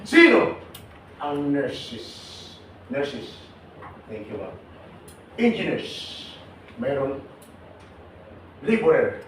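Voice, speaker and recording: A man leading a seminar for overseas workers, teasing and questioning the audience in a lively way. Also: medium pitch, drawn-out words, long pauses. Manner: teasing, jokey, calls on audience members. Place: large hall with audience. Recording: echoey hall, voice from far off, noisy.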